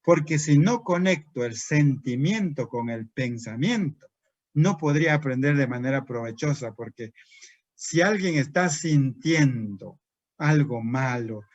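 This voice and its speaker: A man's voice: mid-range voice, expressive, a little slow, no room sound. A man giving a lecture to teachers as a trainer, asking and answering his own rhetorical questions. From Peru. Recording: dry, dull lo-fi recording.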